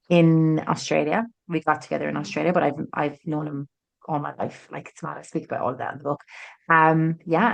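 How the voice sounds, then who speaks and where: Sitting in the studio with the host for a casual podcast interview, an Irish guest author from County Kerry, in her late thirties, shares stories warmly and chattily. She speaks low with some vocal fry, sprinkling in lots of "like" and "um."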